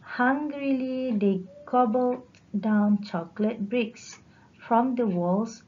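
A teacher with a Malaysian English accent reading a storybook aloud to her class in a careful, measured way, in a dull lo-fi recording. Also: a little high, faint music behind.

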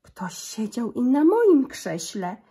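A woman voicing an indignant mother bear in a thinner, raised voice, calling out slowly, husky in tone. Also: on the high side, very animated, warm tone, pitched above the performer's own voice, exaggerated voice. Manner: calls out in slow, rising indignation.

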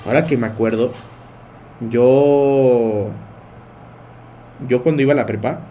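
This young man speaks in a mid-range voice with a dark tone and a slow pace, and he has a Mexican Spanish accent. Streaming a game from a small bedroom, he chats with viewers, tells stories, and jokes and laughs frequently. A little hiss or hum is audible.

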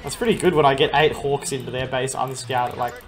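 Deadpan teasing gamer man. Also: mid-range voice, brisk. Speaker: player and friend. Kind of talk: casual gaming chat over voice call.

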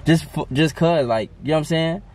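A man's voice: on the high side, brisk, darkish tone. A young man chatting with a friend in a car at night on a road trip. He is pushy and teasing. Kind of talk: casual chat.

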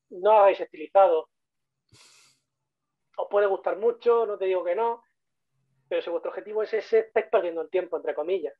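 On a video call with tinny, phone-like audio, a guest speaker from Spain gives a relaxed online talk about his work as a 3D modeler. His Spanish-accented voice sits on the high side with no echo, and he chats freely, restating points to stress them.

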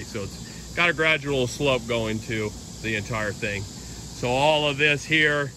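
A man's voice: medium pitch, a little hiss or hum, rough recording. A middle-aged man giving a casual, rambling walking tour of his giant pumpkin garden outdoors, filmed on a handheld phone. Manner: relaxed, rambling, explains as he walks.

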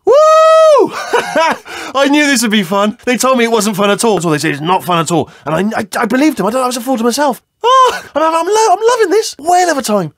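A man's voice: high-pitched, animated, a little fast, fairly bright tone, dry recording, clean studio sound. A man voicing a chatty, nervous male robot sidekick in a video game, with a rambling, stammering way of talking. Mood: giddy.

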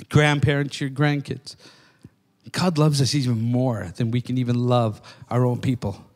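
An older man preaching a sermon in a church, fervent and calling out "amen?" to his listeners. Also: a little high. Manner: fervent, repeats "amen?" to the congregation. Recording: long reverb of a church hall.

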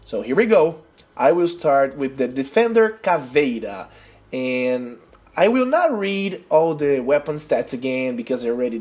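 This video game guide creator from Brazil talks over gameplay in a relaxed, excited tutorial style, his English shaped by a Brazilian accent and Portuguese as his native tongue. He has a mid-range, darkish voice.

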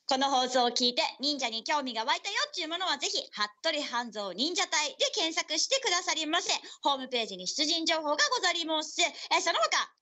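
A woman acts out an eager, polite ninja retainer co-hosting a radio show. The voice is high and bright, swinging widely in pitch, with deferential old-fashioned samurai-era phrasing. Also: animated, quick pace, hardly any pauses. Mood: bright, presenting.

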